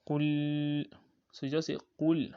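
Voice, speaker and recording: A man's voice: medium pitch, steady tone, creaky. A man teaching the rules of Quran recitation in a lesson, often stopping to repeat himself and restart his sentences. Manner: halting, repeats and restarts, drawn-out Arabic recitation terms. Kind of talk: religious lesson explaining a poem. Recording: dull lo-fi recording.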